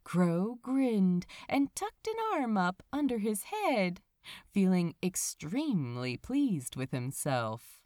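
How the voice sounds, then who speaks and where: This is expressive audiobook narration of fiction by a woman who reads podfic, moving slowly and measuredly while her pitch rises and drops dramatically. The sound is dry, with hardly any room.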